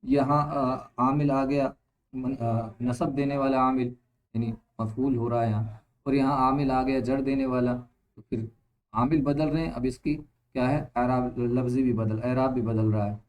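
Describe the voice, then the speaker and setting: Man teaching Arabic grammar slowly. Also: medium pitch, level tone, dull audio. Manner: explains slowly, repeats points, checks understanding with quick questions; reads Arabic text aloud, then explains it. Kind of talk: classroom-style grammar lesson.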